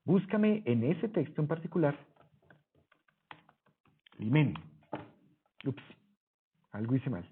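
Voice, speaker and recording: A man's voice: a little high, very animated, normal speed, a little hiss or hum. A man teaching a Greek lesson over a screen recording, explaining patiently and correcting himself as he goes. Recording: husky voice, phone-like narrow sound.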